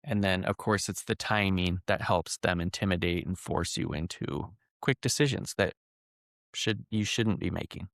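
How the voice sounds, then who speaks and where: A man's voice: low-pitched, normal speed, vocal fry, a bit bright, dry recording, studio quality. A man, a guest on a podcast, chatting casually and earnestly explaining things with examples.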